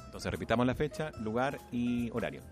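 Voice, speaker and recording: With a medium-pitched, expressive voice and a brisk delivery, a man interviews guests for radio at a cultural celebration held by an embassy. His questions are polite, with small restarts, over loud background music.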